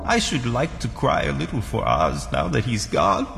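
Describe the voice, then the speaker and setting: A man playing a gentle, soft-hearted tin man in an audio drama, speaking with polite, earnest sentiment. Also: mid-range voice, wildly swooping pitch, normal speed, gravelly, over music. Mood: mournful. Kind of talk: theatrical audio drama acting. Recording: long hall reverb.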